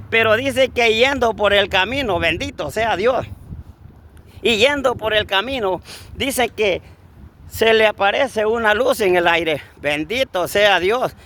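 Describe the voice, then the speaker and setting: A man's voice: high-pitched, pushed and bright. A man preaching a fervent sermon outdoors, repeating blessings and calling listeners brothers.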